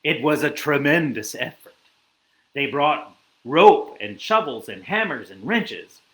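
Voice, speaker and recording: A man reading a children's storybook aloud in an animated, expressive way. His pitch moves widely and his pace is slow and relaxed. The room around him is roomy and echoey. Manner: animated, lively storytelling with asides. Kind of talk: reading a picture book aloud.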